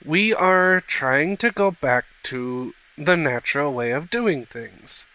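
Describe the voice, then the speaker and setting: A man voicing an exiled young male dog who speaks calmly and matter-of-factly. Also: on the high side, slow pace, clean tone, no room sound, exaggerated voice, rough recording. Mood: dry.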